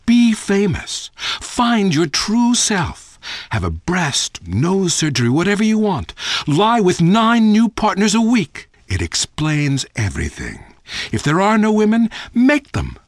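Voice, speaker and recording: An actor playing a persuasive male cult leader with a preachy sales pitch on a game radio show. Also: wildly swooping pitch, a little slow, no room sound, clean studio sound, exaggerated voice. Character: smooth-talking male cult leader recruiting members.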